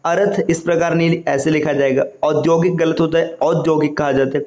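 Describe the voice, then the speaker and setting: A man teaches an exam-prep spelling lesson, working through one word after another with patient, repetitive explanations. He often tags on short check-in questions to his listeners. His voice sits a little high, and the recording has a noticeable room echo. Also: steady tone, a little fast, darkish tone. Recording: echoey room.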